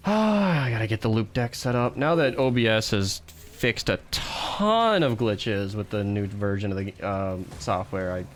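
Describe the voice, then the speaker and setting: A man's voice: fairly low pitch, a little hiss or hum. A man live-streaming a game, chatting casually with viewers in a rambling, self-deprecating way and laughing often. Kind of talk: casual live-stream chat while gaming.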